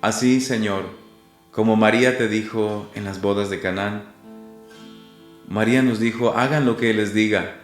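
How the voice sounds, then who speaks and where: A man leading a slow, devotional prayer that drifts into half-singing. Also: fairly low pitch, steady tone. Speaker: prayer leader. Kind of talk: slow sung prayer over guitar. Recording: roomy with guitar music. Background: guitar music.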